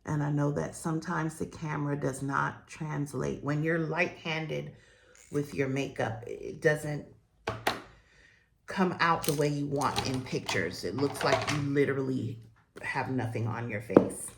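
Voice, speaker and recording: A woman chatting casually while doing her makeup for viewers, rambling and friendly, with a croaky morning voice. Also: deep voice, steady tone, a little slow, noisy background. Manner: chatty, rambling, warm sign-offs to viewers. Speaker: beauty vlogger and host. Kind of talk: chatty get-ready-with-me talk.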